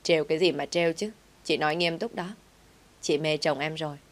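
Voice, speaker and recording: A woman's voice: deep voice, steady tone, brisk, lightly acted. Woman voicing a blunt, teasing older sister figure. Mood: matter-of-fact.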